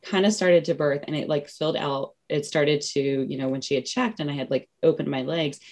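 Speaking in a deep, darkish voice at a brisk clip with fairly even intonation, a woman shares a personal story as a guest on an interview. She leans on "like" and "you know" and performs her own past remarks as quotes.

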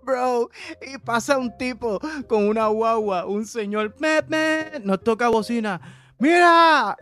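Animated Puerto Rican man telling a story. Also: extremely high pitch, unhurried. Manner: animated, laughing, slangy, mixes English words. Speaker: podcast co-host. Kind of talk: casual storytelling anecdote.

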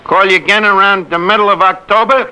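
An actor playing a scheming, sardonic New York tavern manager in an old-time radio comedy, a smooth-talking man full of big talk. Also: high-pitched, steady tone, a little fast, bright, forceful tone. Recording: noisy vintage radio recording.

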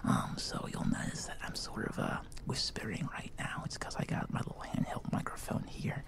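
In a scripted comedy podcast, a man plays an awkward, eager teenage boy hosting a school podcast, whispering into a handheld mic in a library with a hushed excitement. He rambles with plenty of fillers in a lowish, creaky voice that is expressive and moves at normal speed.

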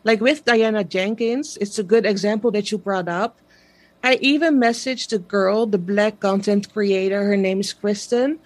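This guest, a social media page creator from the Netherlands, speaks at a moderate pace in a medium-pitched, somewhat dark voice. Dutch is her native language, her accent shows, and she laughs easily and uses lots of fillers in a relaxed interview.

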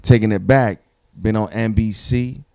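A man's voice: lowish voice, unhurried, vocal fry, dark tone, no room sound, studio quality. A man co-hosting a podcast in casual, slangy chat with hyped-up interjections. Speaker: podcast co-host.

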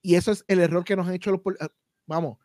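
A Puerto Rican man hosting a casual podcast, speaking with an emphatic, fired-up drive and swearing freely. His voice sits a bit high for a man, and the recording is close and dry with no room echo. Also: steady tone, fast talker, darkish tone. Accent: Puerto Rican Spanish. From Puerto Rico. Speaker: podcast host.

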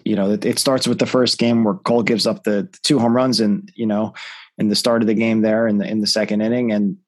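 Animated man ranting about baseball. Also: fairly low pitch, brisk. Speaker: podcast co-host. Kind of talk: casual sports podcast chat.

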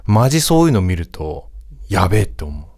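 A man with a deep, low voice chats casually as a podcast co-host. His tone moves around a fair bit while he keeps up an easygoing flow of agreement and quick remarks. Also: big pitch swings, darkish tone. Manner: easygoing, agreeable, frequent short backchannels. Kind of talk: casual chat.

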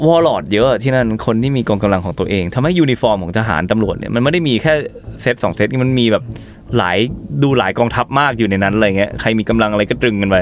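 A man telling travel stories as an interview guest, animated and casual, acting out what people said. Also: on the low side, fast talker, a little hiss or hum. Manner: animated, acts out quotes, swears casually. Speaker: travel content creator guest.

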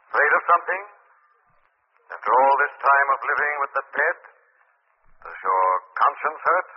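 An actor playing a grave, confident crime-fighting sleuth with theatrical authority, in 1940s radio style. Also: male voice, mid-range voice, expressive, normal speed, slightly rough. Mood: menacing. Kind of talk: 1940s radio drama acting. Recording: dull, hissy old radio recording.

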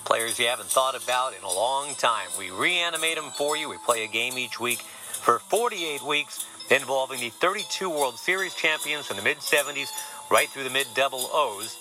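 A man's voice: mid-range voice, expressive, normal speed, low-quality recording. Guy hosting a sports podcast, joking around, organ music in the background. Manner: wry, joking asides. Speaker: podcast host. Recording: music playing behind the voice.

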